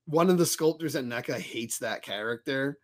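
A man co-hosts a fan podcast, chatting casually and with real animation, rambling and swearing now and again. His voice is medium in pitch and moves at a normal speed.

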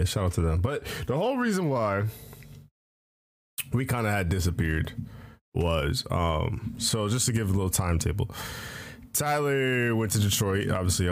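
A man's voice: deep voice, darkish tone, no room sound. A man co-hosting a podcast in casual chat, rambling along with slang and swearing. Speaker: podcast co-host.

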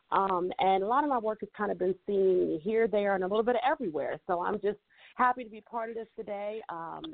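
A woman's voice: mid-range voice, creaky, no echo. A woman co-hosting a call-in talk show, speaking thoughtfully with many fillers. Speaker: guest co-host. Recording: dry tinny phone line.

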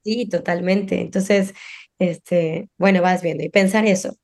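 With a lowish, unhurried voice, a middle-aged woman chats casually as a podcast's parenting guest. She stays animated throughout, taking on the voices of the parents and children she quotes.

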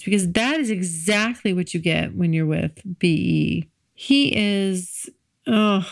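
A drowsy woman podcast host talking casually and intimately, in a low-key, unhurried, drawn-out way. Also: gravelly, dry recording. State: sleepy, drowsy. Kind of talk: casual confessional solo podcast talk.

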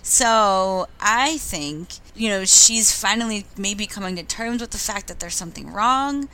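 A woman joins a casual movie podcast as a guest and talks hesitantly at first, then chattily. Her voice is bright and forceful, at a middle pitch. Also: lively intonation, a little slow, poor audio. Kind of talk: casual chat.

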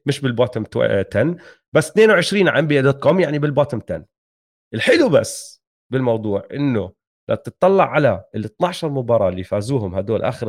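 A man with a Levantine Arabic accent giving casual basketball analysis, mixing English sports terms into his Arabic. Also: mid-range voice. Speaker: sports talk show co-host.

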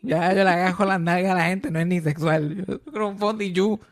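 A man with a Puerto Rican accent chatting casually on a podcast, animated and swearing freely, slipping English into his Spanish. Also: high voice, brisk, gravelly. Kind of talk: casual chat.

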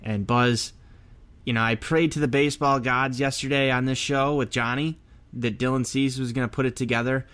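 Mid-pitched man chatting as a sports fan. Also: steady tone, moderate pace, fairly bright tone, clear, resonant tone. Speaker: sports podcast co-host. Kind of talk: casual fan commentary.

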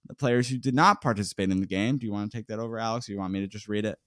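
A man with a lowish voice talks at a rapid-fire clip, recorded at studio quality with no echo. He co-hosts a casual sports podcast, recapping a game in a chatty way, laughing often and reading out player lists.

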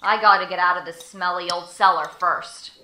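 A woman voicing a mistreated orphan boy who talks in a whiny, excitable way. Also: on the low side, normal speed. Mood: exasperated. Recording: echoey room.

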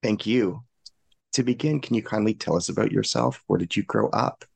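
A man's voice: on the low side, moderate pace, creaky, husky, dry recording. A man hosting a history podcast, introducing his guest in a formal, courteous manner. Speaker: podcast host.

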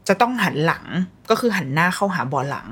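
A woman's voice: lowish voice, animated, quick pace, a bit bright, breathy edge. A woman, a mother telling parenting stories in a blunt, casual, colloquial way. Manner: blunt, colloquial, acts out quoted voices. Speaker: mother sharing parenting advice. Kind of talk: casual storytelling chat.

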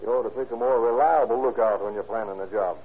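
A muffled, faintly noisy old radio recording of a man playing a 1930s beat cop. He talks fast and low, stern and scolding, in period radio drama style. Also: natural voice.

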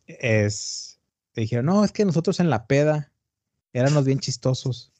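Man, northern Mexican accent, podcast host, casual chat, rambling, slangy, mellow voice, dry sound. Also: mid-range voice, moderate pace, dry recording. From Tamaulipas, northern Mexico. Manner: rambling and animated, slangy, peppers lines with "güey".

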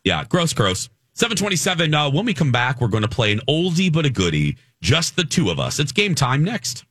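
On a casual morning radio show, a male co-host speaks fairly quickly and with lots of animation, his voice shooting up high when he gets emphatic.

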